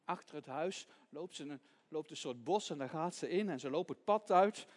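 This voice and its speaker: A man gently narrating a children's Bible story, dropping to a hush at tense moments. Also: on the high side, lively intonation, moderate pace.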